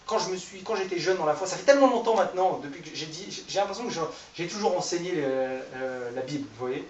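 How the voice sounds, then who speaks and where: A man's voice: a little high, expressive, quick pace, muffled recording, a little hiss or hum. Man in his thirties, informal preacher, chatty and self-mocking, heard from a distance in a roomy hall. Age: 30s. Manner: conversational, self-deprecating, jokes with the audience. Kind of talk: informal sermon. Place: church hall. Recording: echoey room, voice from far off the mic.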